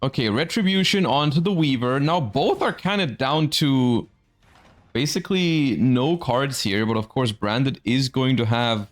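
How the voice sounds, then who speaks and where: A man's voice: medium pitch, a little slow, soft background music. A man hosting and commentating a live card game tournament in a conversational, explanatory announcer manner.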